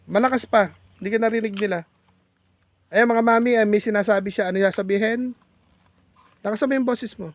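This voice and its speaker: A man's voice: high-pitched, steady tone, brisk, long pauses, no echo. Playful man teasing a child outdoors. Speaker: vlogger. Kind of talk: casual teasing chat with a child. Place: outdoors in farm fields.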